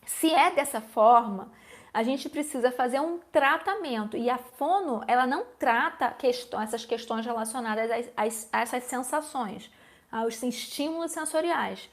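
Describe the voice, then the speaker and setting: A woman's voice: a little high, moderate pace. A woman, a speech therapist answering viewer questions in a live stream, explaining step by step and often checking in with listeners.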